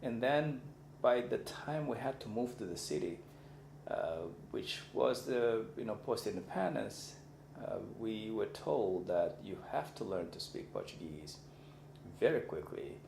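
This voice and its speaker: With a deep, gravelly, slightly mellow voice, this Mozambican university lecturer speaks in an animated yet unhurried way. A native Xangana speaker, he reflects personally and pauses thoughtfully to find words, while the echoey room carries faint background noise.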